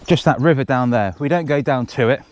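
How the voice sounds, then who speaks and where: A race organiser talks while running through the forest, panting a bit and rambling casually with playful asides, like a running commentary. His voice is mid-range and darkish, and he speaks a little fast.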